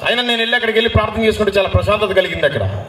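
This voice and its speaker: A man evangelist telling a story sermon in an animated way, often putting questions to his listeners. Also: sits high, rapid-fire. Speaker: evangelist preacher. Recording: echoey.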